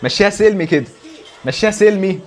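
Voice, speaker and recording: A man with an Egyptian accent reacting live to a football match, with a rapid, exasperated running reaction and repeated urgings. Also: high-pitched, animated.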